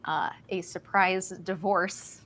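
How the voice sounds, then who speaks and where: A woman's voice: medium pitch, steady tone, slow, a bit bright, a little hiss or hum. A woman streamer chatting casually and telling a story, with lots of filler words and restarts.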